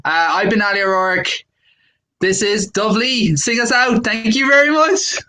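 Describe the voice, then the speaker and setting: A man's voice: high voice, moderate pace, sharp tone, slight background noise. A man hosting a comedy podcast, with joking, sweary banter in a casual chat. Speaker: podcast host.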